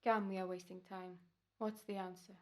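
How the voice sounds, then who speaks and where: In an old-time radio drama rehearsal, a woman plays a formal doctor turned murderer, smooth and menacing. She's courteous, precise and ominous, with a cold, threatening mood. Her natural voice is medium-pitched, with a level tone at normal speed.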